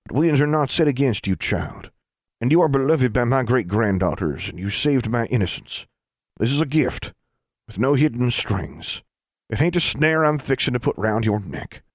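A man's voice: mid-range voice, lively intonation, normal speed, no room sound, clean studio sound, voice pushed up, close to an everyday voice. A man voicing a shrewd old country woman who crafts wands, speaking in folksy dialect. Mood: measured.

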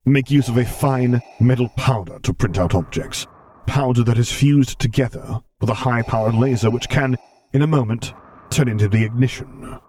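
A man voicing a menacing masked dark lord who speaks in a clipped tone of restrained fury through a vocoder. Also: sits low, expressive, takes it slowly, slight background noise.

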